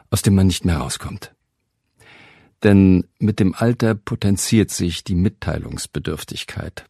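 A man tells a humorous first-person tale in a dry, ironic way. His voice sits very low, with a gravelly, husky grain. The sound is close and dry, with no room around it. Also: darkish tone, no room sound. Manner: dry, ironic storytelling with wry asides. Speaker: narrator.

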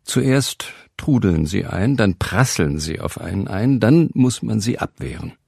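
A man's voice: on the low side, expressive, a little slow, creaky, a little mellow, slightly rough, dry recording. A man reading his own humorous story aloud, with a dry, ironic delivery. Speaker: narrator. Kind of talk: reading a humorous first-person column.

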